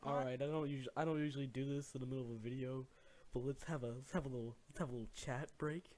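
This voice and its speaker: A man's voice: mid-range voice, steady tone, fast, a little mellow. A man giving exaggerated, theatrical and incredulous commentary as the host of a reaction video.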